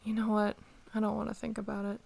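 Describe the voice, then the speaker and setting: A woman playing a prickly, bossy young female rival who grudgingly cares, in an ASMR role-play audio drama, grumbling and conversational with a creaky voice. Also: mid-range voice, monotone, quick pace, darkish tone. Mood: reluctant, grumbling.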